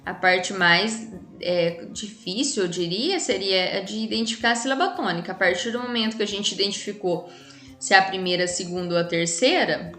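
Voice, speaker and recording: In an echoey room with faint music behind her, a woman teacher with a Brazilian Portuguese accent chats her way through a lesson for children, frequently tossing in tag questions. She speaks at a normal speed in a mid-range, fairly bright voice.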